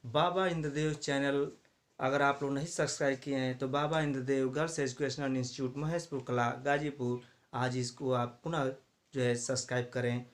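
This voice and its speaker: A man's voice: mid-range voice, steady tone, normal speed. A man teaching a lesson to teacher trainees, explaining step by step, repeating key terms and using many fillers. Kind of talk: classroom lecture for teacher trainees.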